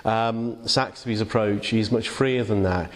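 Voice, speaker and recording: Low-voiced English man giving a reflection in church. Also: steady tone, takes it slowly. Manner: conversational, with many fillers and restarts. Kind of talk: informal sermon reflection. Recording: long reverb of a church hall.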